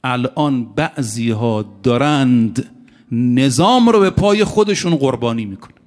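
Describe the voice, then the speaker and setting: A man's voice: medium pitch, expressive, darkish tone. A middle-aged man preaching a religious sermon, impassioned, moving from political exhortation into a chanted mourning lament. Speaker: cleric preacher.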